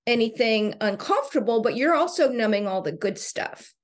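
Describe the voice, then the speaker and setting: Brief: woman podcast co-host, slightly high voice, chatty storyteller, laughs easily. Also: normal speed. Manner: storytelling, animated, laughs often. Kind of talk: casual podcast chat.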